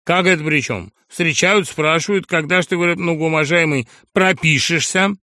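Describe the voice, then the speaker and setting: A man's voice: on the high side, normal speed, pushed and bright, no room sound, clean studio sound, voice pushed up. A male audiobook reader voicing a crude, brash young man newly made from a dog, mocking, aggrieved and insistent. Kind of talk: audiobook character reading.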